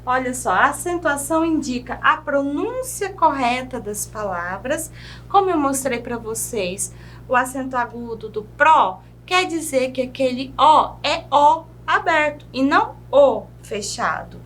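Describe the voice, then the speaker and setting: A Brazilian woman teacher giving a video grammar lesson, drawing out example words slowly and checking in with her class. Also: high voice, expressive, a bit bright, a little hiss or hum. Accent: Brazilian Portuguese. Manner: slow, drawn-out pronunciation of example words; checks in with "né?" and "certo?".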